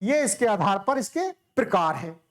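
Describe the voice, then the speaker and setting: A woman's voice: mid-range voice, big pitch swings, normal speed, echoey room. A woman teacher giving a lecture, explaining step by step, asking questions and answering them herself, and drawing out sounds to demonstrate them. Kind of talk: classroom lecture.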